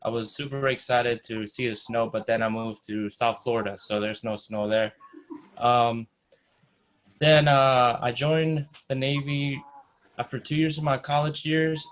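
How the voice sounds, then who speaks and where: A man's voice: mid-range voice, fairly even intonation, measured pace, rough recording. Guy in his 30s, from indonesia, easygoing, chatting on a video call. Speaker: guest investor. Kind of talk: casual video call chat.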